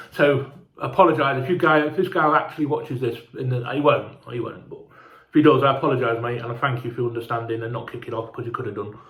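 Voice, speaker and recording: Rambling, swearing English bloke. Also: male voice, medium pitch, fairly quick, a bit bright, echoey room. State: hungover and unwell. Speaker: fan vlogger. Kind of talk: casual storytelling.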